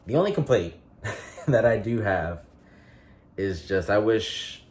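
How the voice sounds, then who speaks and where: A man's voice: lowish voice, slow, slight background noise. A man in his late twenties chatting casually in a vlog, rambling with lots of ums and restarts. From North Carolina. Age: 20s. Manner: relaxed rambling with frequent fillers and restarts. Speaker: vlogger.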